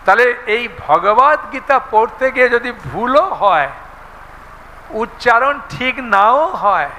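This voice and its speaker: A man's voice: very high-pitched, very animated, slow, bright, forceful tone, long reverb tail, a little hiss or hum, rough recording. A man giving a devotional lecture, telling stories and asking the audience questions. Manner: storytelling, asks the audience questions. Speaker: preacher.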